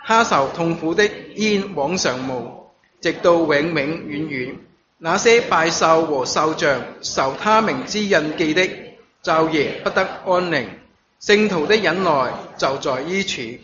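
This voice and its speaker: A man preaching a sermon, reading scripture in a measured way and using halting fillers when he speaks freely, at a church service that is also streamed online. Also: on the high side, expressive, a crowd in the background. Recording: dull lo-fi recording with congregation noise.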